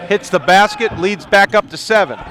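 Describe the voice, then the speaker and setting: A man calls a live basketball game from his arena broadcast seat. His voice sits high and rings bright. He chats and laughs easily between plays. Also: animated, moderate pace. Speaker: play-by-play commentator.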